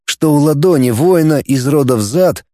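A man narrating an audiobook in an expressive, lively reading. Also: fairly high pitch, normal speed, no room sound, clean studio sound. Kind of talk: scripted narration.

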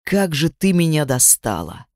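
A woman's voice: low-pitched, lively intonation, moderate pace, dry recording, clean studio sound. A woman voicing a domineering young man who speaks in curt, mocking, menacing lines in an audiobook. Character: gruff, domineering young man, a crime boss. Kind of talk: audiobook character voice.

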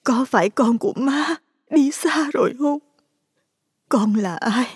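A man voicing a gentle, grieving middle-aged mother who speaks softly and tenderly. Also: extremely high pitch, takes it slowly, husky, dry recording, clean studio sound, voice pushed up, exaggerated voice. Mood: gentle sorrow. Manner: soft and tender.

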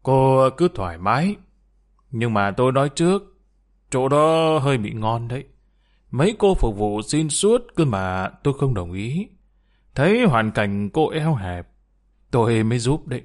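A man voicing an older restaurant boss who talks in a smooth, patronizing way. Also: mid-range voice, big pitch swings, unhurried.

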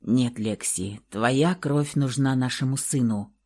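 A wounded, ancient vampire, voiced by a woman reader speaks low, hoarse and hushed. He sounds weak and tender in this audiobook role. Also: slow, full character voice.

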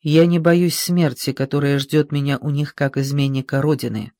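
An audiobook reader voicing an aging former general with a dry, cracked voice, terse and quietly bitter. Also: medium pitch, steady tone, moderate pace, no room sound, close to an everyday voice. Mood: dry, grave. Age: older. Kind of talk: audiobook character reading.

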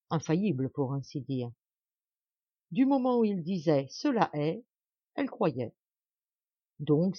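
A woman's voice: lowish voice, mellow, slightly rough, no echo, dull audio. A woman narrating an audiobook of a classic novel with dramatic, varied intonation.

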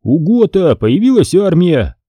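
A man reading an audiobook, voicing a confident boy who explains game rules in a low, mysterious and impatient way. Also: sing-song, unhurried, dark tone, slightly rough, no room sound, exaggerated voice. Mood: instructing. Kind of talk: audiobook character voice.

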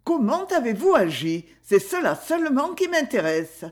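Stern policewoman, firm interrogating tone, lively pitch; woman reader voices her. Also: normal speed. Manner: firm and demanding.

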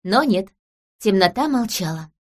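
A woman narrating a story in the first person as an audiobook reader, in an even storytelling manner. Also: mid-range voice, unhurried.

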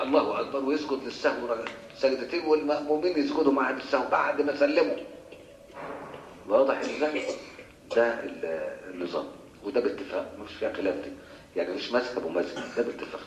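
A man's voice: mid-range voice, reverberant, muffled recording, a little hiss or hum. A man with an Egyptian Arabic accent, a sheikh answering worshippers' questions in a colloquial lecture, putting rhetorical questions to his listeners. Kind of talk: religious Q&A lecture. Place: mosque.

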